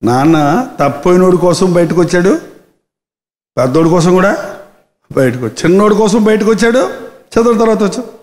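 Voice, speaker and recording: A man's voice: sits high, brisk, pauses often. A man preaching a live sermon, acting out characters and asking the crowd rhetorical questions. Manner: animated, acts out the characters in dialogue. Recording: echoey hall reverb.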